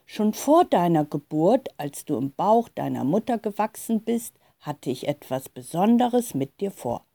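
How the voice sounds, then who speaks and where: A woman voicing a calm, reassuring divine voice that speaks solemnly to a boy, in a storybook reading. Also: fairly low pitch, a little slow, vocal fry, no room sound, exaggerated voice.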